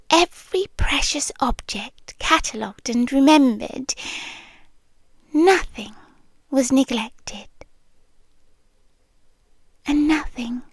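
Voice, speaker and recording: Tender yet possessive, a British woman's high-sitting voice portrays a nonhuman yandere girlfriend in a heavily acted ASMR roleplay. She speaks softly and deliberately, often in breathy whispers, with no echo.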